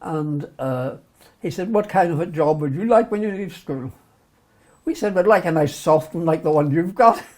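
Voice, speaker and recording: With animation and at a moderate pace, a retired doctor from Belfast, Northern Ireland, recalls his life in an interview. The older man's voice is a little high and a little mellow, and his remarks are self-deprecating and full of chuckles.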